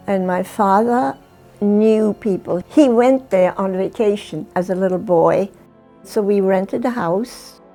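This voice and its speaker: A woman in her nineties from Germany, telling her life story in a slow, reflective oral history interview with small hesitations. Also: mid-range voice, creaky, mellow. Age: 90s. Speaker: Holocaust survivor interviewee.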